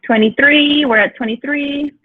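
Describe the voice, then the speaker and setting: At a moderate pace and in a high voice, a Mexican-accented woman from Mexico guides teachers through an online workshop, chatty and encouraging with plenty of filler sounds. The audio comes through a video call, tinny and dry.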